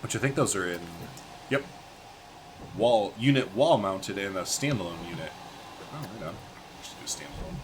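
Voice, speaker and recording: Speaking in a lowish voice with lively intonation, a man hosts a let's-play video at a moderate pace, leaving long pauses. He chats casually and thinks out loud as he plays, with faint background noise and game sounds behind him.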